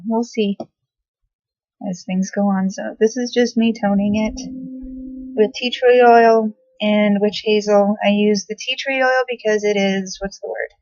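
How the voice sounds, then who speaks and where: Chatting in her bedroom, a young woman walks through her skincare and makeup in a casual tutorial, rambling and dropping the odd swear word. Her voice is mid-range and darkish. It's captured on a built-in laptop mic, sounding dull and dry with no room sound.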